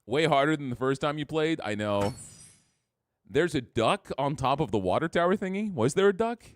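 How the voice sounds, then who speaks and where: A man giving excitable, jokey commentary while playing a game on a live stream. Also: fairly high pitch, normal speed, no echo. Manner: excitable, jokey trash talk.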